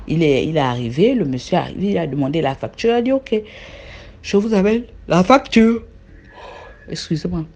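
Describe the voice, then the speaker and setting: Young Cameroonian woman, casual first-person storyteller, lively pitch that jumps high on exclamations, loose and chatty delivery. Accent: Cameroonian French. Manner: animated, with frequent restarts and high exclamations. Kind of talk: casual spoken testimony.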